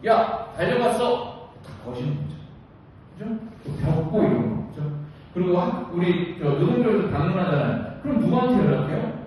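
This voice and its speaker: A woman giving a training lecture to union branch leaders, lively, often asking the audience questions and acting out quotes. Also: on the low side. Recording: echoey hall, distant mic, dull sound, faint noise.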